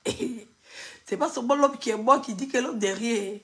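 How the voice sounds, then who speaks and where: A woman's voice: a little high, moderate pace. A woman commenting casually on a live video, mocking and laughing often. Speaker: social media commentator.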